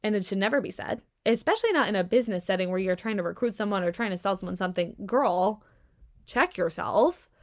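A young woman hosts her own podcast and talks straight to her listeners. Her commentary is casual and sarcastic, full of slang and quick laughs. Her pitch sits in the middle for a woman. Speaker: podcast host.

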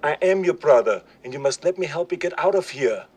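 A man's voice: fairly high pitch, lively intonation, fairly quick, a little mellow, husky. An actor playing an earnest, literal-minded man meeting his twin brother in a film scene. He talks with the phone held away, so his voice sounds distant, and his manner is stiff and formal. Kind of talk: film dialogue.

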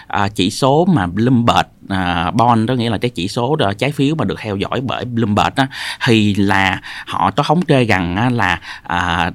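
A man with a southern Vietnamese accent giving unscripted expert commentary as a guest, often pausing on filler sounds. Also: lowish voice, dry recording. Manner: halting, frequent filled pauses.

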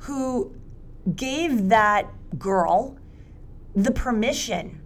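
Animated woman in her forties. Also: fairly high pitch, very slow. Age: 40s. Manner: expansive, animated when making points, some searching for words. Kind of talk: casual podcast conversation.

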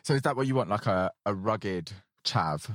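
A man's voice: lowish voice, expressive, normal speed, no echo, studio quality. A man hosting a casual podcast chat, candid and teasing in the way he talks. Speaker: podcast host.

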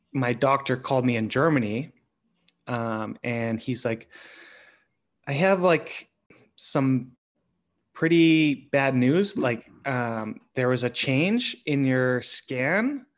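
Slow, halting man telling his story. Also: medium pitch, fairly bright tone. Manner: halting, many ums and pauses. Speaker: guest, former pro hockey player. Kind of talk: conversational storytelling.

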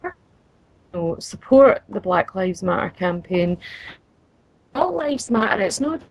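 A woman's voice: medium pitch, very animated, slow pace. A woman on a video call whose connection breaks up, speaking in an earnest, concerned way during a casual talk-show discussion.

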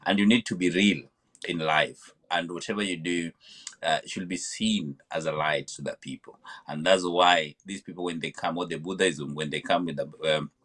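A man's voice: low voice, fairly even intonation, normal speed, a bit bright, slightly rough. A man from Kenya with a Kenyan accent, a podcast guest telling reflective stories and often repeating words as he searches for them. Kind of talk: reflective interview storytelling.

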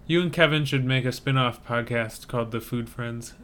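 A man's voice: mid-range voice, moderate pace, a bit bright, slight background noise. A man co-hosting a podcast over a video call, talking in an easygoing way with dry humor. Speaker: podcast co-host. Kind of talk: casual chat. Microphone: remote video call.

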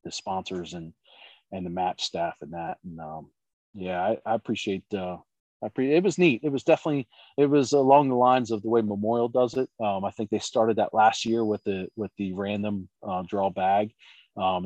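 A man's voice: fairly low pitch, steady tone, normal speed, darkish tone, no room sound, muffled recording. A middle-aged man from Maryland who shoots in competitions, chatting casually and rambling with lots of fillers. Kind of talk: casual chat.

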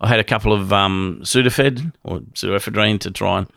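Male guest, low gravelly voice, dry close sound, sheepish storyteller. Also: brisk, a bit bright, dry recording. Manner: sheepish, laughs while telling it. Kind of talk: casual storytelling.

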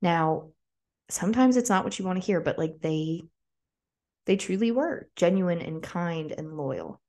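Casting note: young woman podcast host, low-ish voice, rambling chatty storyteller. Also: expressive, measured pace, warm tone. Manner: chatty, frequent "like" fillers, acts out quoted voices. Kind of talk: casual storytelling.

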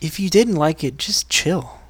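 A man's voice: on the high side, expressive, measured pace, breathy edge. Male podcast co-host, playful and wisecracking, casual banter. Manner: joking, teasing.

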